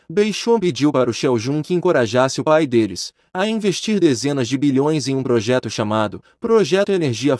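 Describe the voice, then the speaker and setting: A man's voice: no echo, clean studio sound. A man narrating a manhwa recap casually, with slangy asides, voicing the characters' lines himself. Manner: casual, slangy, comments on the plot; lively, pitches up for characters' lines.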